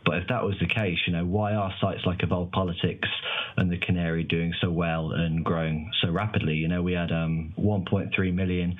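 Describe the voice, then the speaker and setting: A man answers interview questions in a deep voice. He explains things in a measured, articulate way, and the sound is narrow like a phone call. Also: little pitch movement. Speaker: interview guest, news site editor.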